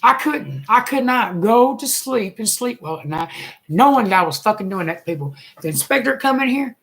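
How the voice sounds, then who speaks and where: A woman's voice: on the high side, animated, moderate pace, fairly bright tone. A woman, a single mother venting in a blunt, emotional rant full of swearing and bitter laughs. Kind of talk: angry personal rant.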